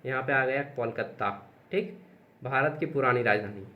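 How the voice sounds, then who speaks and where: A man's voice: mid-range voice, normal speed, lo-fi sound. A young man teaching an exam-prep lesson, chatty, asking questions and answering them himself. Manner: chatty, repeats and checks with students; explains with examples, asks and answers own questions.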